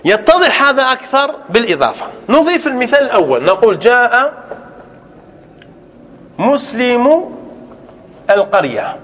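Male grammar teacher, high voice, dictates slow repeated examples, sometimes drifting off-mic in the classroom. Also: big pitch swings, a bit bright, slight background noise. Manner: asks rhetorical questions and repeats examples slowly.

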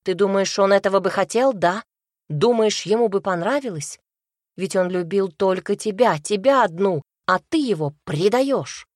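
A woman's voice: mid-range voice, expressive, normal speed, dry recording, studio quality, close to an everyday voice. A woman playing an indignant mocking daughter. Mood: accusing. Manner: accusing, sarcastic, raised voice.

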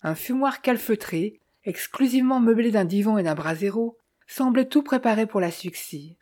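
Steady, mellow-toned woman narrator for a literary audiobook. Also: mid-range voice, moderate pace. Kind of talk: scripted narration of a short story.

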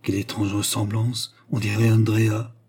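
A man's voice: fairly low pitch, completely flat delivery, normal speed, a little mellow, slightly rough. A man voicing a compassionate young count. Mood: astonished. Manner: emotional, tender.

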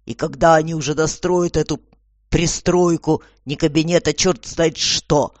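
A gruff, stout commissar, put on by the storybook narrator, barking out orders in a loud, slow, grumbling voice. He is irritable and impatient, and the recording is dry and close. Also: medium pitch, no echo, close to an everyday voice. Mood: irritated.

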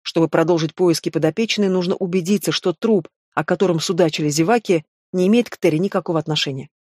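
A woman narrating a fantasy novel audiobook in a steady, measured way. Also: fairly low pitch, husky, no echo, studio quality. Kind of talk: scripted narration.

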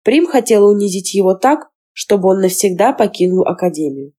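A woman reading a fantasy novel aloud as scripted narration, in an even, measured delivery. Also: mid-range voice. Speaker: audiobook narrator.

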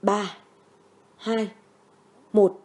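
A woman's voice: on the high side, fast, darkish tone, natural voice. A woman voicing a young woman, a brave and tearful medic who talks urgently and pleads.

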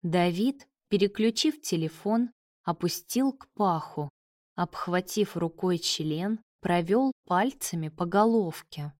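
A woman narrating an adult audiobook in a slow, even reading voice, close to the mic. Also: on the low side, no room sound. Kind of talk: scripted narration.

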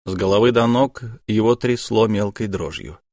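A man narrating an audiobook in a measured, literary manner. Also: fairly low pitch, a little mellow, no room sound, clean studio sound.

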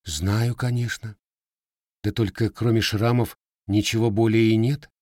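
Sly young cossack widow voiced by a guy, husky, a little higher, dry mic. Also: flat delivery, unhurried, darkish tone, no room sound. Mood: teasing. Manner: slightly raised, teasing folk speech.

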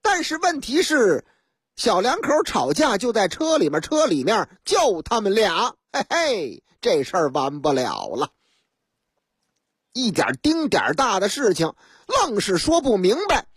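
Husky Beijing woman telling a comic tale. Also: medium pitch, sing-song, a little slow, no echo, clean studio sound. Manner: chatty, playful asides to the listener. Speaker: radio storyteller. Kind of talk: comic storytelling. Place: radio studio.

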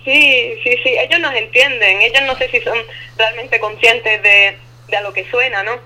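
Lisping Andalusian woman, very bright voice. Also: fairly high pitch, fairly even intonation, moderate pace, poor audio. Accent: Andalusian, from Ubrique. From Ubrique, Andalusia, Spain. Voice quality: lisping Andalusian ceceo, dropped letters. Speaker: interview guest living abroad. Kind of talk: casual phone interview. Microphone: remote call.

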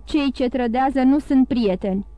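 A woman's voice: high-pitched, warm tone, no room sound, close to an everyday voice. A woman voicing a fearful, anxious innkeeper's wife with a muffled voice in an audiobook. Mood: wary.

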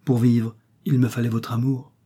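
A man's voice: mid-range voice, little pitch movement, normal speed, mellow, breathy edge, close to an everyday voice. A man reading the part of a young knight in love, impassioned and lifting his voice on his pleas. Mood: pleading. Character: young knight, ardent and despairing lover. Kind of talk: audiobook reading.

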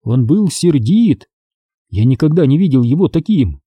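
A man reading an audiobook aloud in a dramatic, expressive storytelling manner. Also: fairly high pitch, moderate pace, slightly rough, no room sound. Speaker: audiobook reader.

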